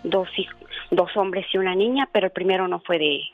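A woman's voice: lowish voice, soft background music. Earnest woman caller on a dull radio line. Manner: earnest, halting, many fillers and restarts. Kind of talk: emotional personal story on a call-in show.

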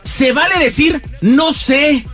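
Very high-voiced radio man. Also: slow, fairly bright tone, soft background music. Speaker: radio show co-host. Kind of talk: comedic radio commentary.

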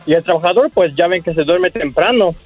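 A man's voice: sits high, a little fast, dry recording, soft background music. A man calling a radio show to tell a joke, stammering a little and acting out knocks and sounds. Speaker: caller. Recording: dull dry lo-fi line.

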